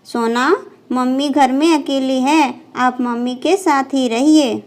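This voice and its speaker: A calm, indulgent old grandmother speaks slowly and gently, as a woman puts her on, and soothes the family in a doll storybook. The voice sits fairly high, with an unhurried pace. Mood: gentle.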